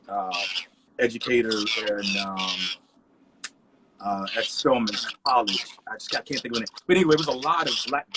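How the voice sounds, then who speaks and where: This man, a resident DJ, is a guest in a casual storytelling interview held by video call. His mid-range voice comes through a very noisy recording, and he wanders loosely from point to point, dropping "you know" again and again.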